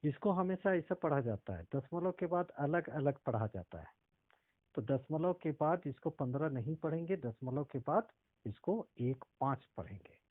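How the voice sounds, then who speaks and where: A man's voice: fairly high pitch, lively intonation, moderate pace, no room sound. A male math teacher explaining decimal multiplication step by step, often stopping to ask if students understood. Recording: tinny phone-like audio.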